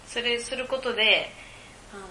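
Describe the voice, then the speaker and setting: This woman speaks at a normal speed in a fairly high, steady, bright voice with a forceful edge, recorded with a roomy sound and a bit of hiss or hum. She's a podcast co-host doing a casual solo chat, reading listener mail and rambling with frequent giggles as she thinks out loud.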